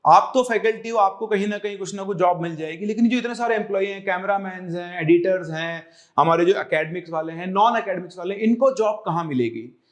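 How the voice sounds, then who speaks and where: High-voiced man explaining earnestly. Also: brisk. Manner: earnest and reassuring, mixing English phrases into his speech. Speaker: online exam coaching teacher. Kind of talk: explaining a personal career decision to viewers.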